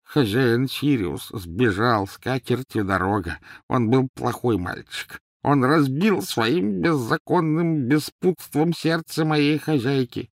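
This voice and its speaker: A man voicing an old, servile male house-elf who croaks and wheezes, dragging his words out in a wail. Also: mid-range voice, expressive, no room sound, clean studio sound, voice pushed up. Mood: grieving. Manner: wails and drags words out slowly. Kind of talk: audiobook character voice.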